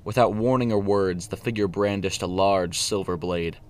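A man narrating a story in a steady, even voice. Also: low-pitched, normal speed, slight background noise.

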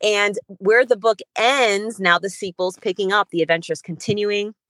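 A woman's voice: mid-range voice, fairly even intonation, normal speed, a bit bright, no room sound. A young adult woman, an author, answering podcast interview questions with earnest, flowing enthusiasm. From Germany. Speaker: children's book author, guest.

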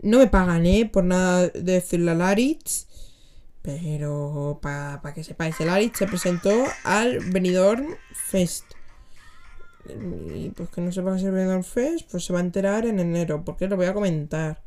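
A woman's voice: lowish voice, moderate pace, a little mellow, soft background music. A young woman with a Spain Spanish accent, hosting a casual solo podcast and chatting and giggling while she reacts to clips. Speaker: podcast host.

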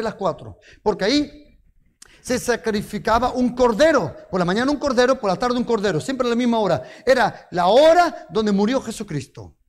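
A male preacher with a strikingly high voice delivers a sermon, telling stories and throwing questions at his listeners. He keeps a light, humorous touch as he preaches. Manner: storytelling with rhetorical questions and humor.

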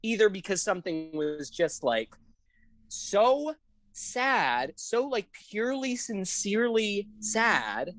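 A woman's voice: mid-range voice, sing-song, takes it slowly, dry recording. A woman co-hosting a casual film podcast, gushing and swearing freely as she talks. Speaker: podcast co-host. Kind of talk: casual film review chat.

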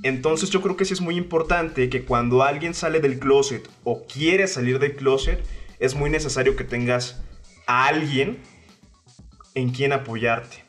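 A man co-hosts a casual podcast conversation. He explains social ideas in a thoughtful, measured way, using a middle pitch. Faint music plays behind him. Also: fairly bright tone. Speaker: co-host.

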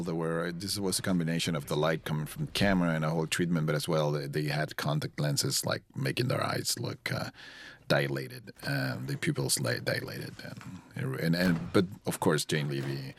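A man giving casual director's commentary on a film, talking haltingly and often repeating words. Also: extremely low pitch, a little hiss or hum.

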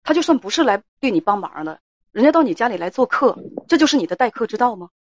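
Brisk, lecturing woman advice host. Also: on the high side, very animated, no room sound, lo-fi sound. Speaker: radio advice show host. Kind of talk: call-in advice talk.

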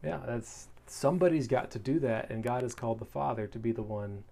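A married man, hosting his own talk, who reads passages from a text in a steady tone and breaks off into conversational asides that turn loud and animated, with fillers and short laughs. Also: mid-range voice. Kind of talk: reading a text aloud and commenting.

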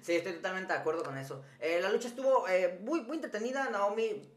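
Man, high bright voice, slangy joking recaps, echoey room. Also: animated, fast. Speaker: wrestling podcast co-host. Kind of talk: casual chat.

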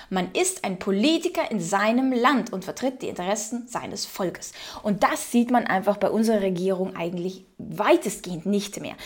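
A woman from Ukraine with a fairly high voice hosts casual political commentary. She reads out news quotes and answers them with strong opinions, directly addressing her viewers.

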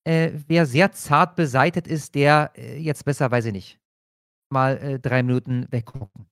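A man's voice: mid-range voice, moderate pace, creaky, fairly bright tone, no echo. A man in his usual speaking range comments casually on a news story for his viewers. He hesitates often, dropping fillers and restarting sentences. His voice comes through close and dry, with no room sound around it. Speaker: streamer hosting a news reaction show.

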